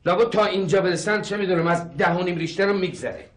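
A man with a voice that sits high gives a lightly acted sitcom performance as an irritable, skeptical middle-aged professor and father. He comes across exasperated and dismissive, in the style of TV sitcom acting.

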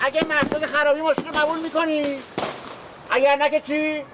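An actor playing a blunt, teasing van driver who talks in a joking, exasperated, colloquial way. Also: male voice, very high voice, level tone. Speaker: truck driver. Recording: outdoor street noise.

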